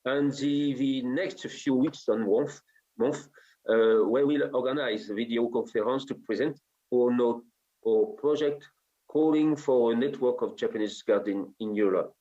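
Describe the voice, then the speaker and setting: A French man speaking English with a French accent, giving a halting conference presentation full of hesitations. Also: mid-range voice, dark tone. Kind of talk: formal conference talk. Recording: dull lo-fi audio.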